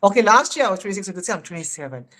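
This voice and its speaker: In a casual, animated podcast chat, a South African guest in his thirties laughs often. His voice is high-pitched and he talks very fast.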